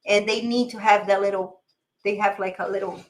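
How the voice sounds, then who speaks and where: An animated woman guest explains her breed over a video call, often starting over mid-sentence. Her audio comes through choppy from a weak internet line, and her pitch sits at an everyday middle. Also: fairly quick, low-quality recording. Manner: animated, explains with many restarts. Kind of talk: casual online interview.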